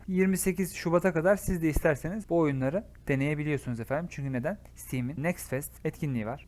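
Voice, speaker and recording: A young man with a Turkish accent gives casual let's-play commentary, excitable and exclaiming, swinging from loud outbursts to low muttering. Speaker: gaming YouTuber.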